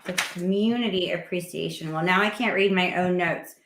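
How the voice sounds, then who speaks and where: A woman hosting a casual interview, chatty and filling pauses with ums. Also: fairly low pitch, roomy sound, background noise. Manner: chatty, with frequent fillers. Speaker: host.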